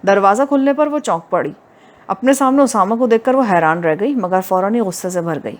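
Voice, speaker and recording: A woman narrating an audio novel in a steady, even reading voice. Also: medium pitch. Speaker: audiobook reader.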